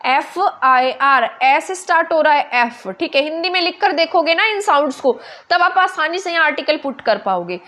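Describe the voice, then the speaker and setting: Woman, Hindi accent, high voice, teacher, explains step by step, spells letters out slowly. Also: animated, fairly bright tone. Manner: explains step by step, asks and answers her own questions. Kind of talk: online grammar lesson.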